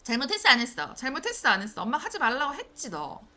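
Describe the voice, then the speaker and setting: Lady putting on a nagging mom voice, loud and high, scolds then fusses sweetly. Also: lively intonation, a little slow. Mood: scolding. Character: scolding middle-aged mother, then falsely sweet.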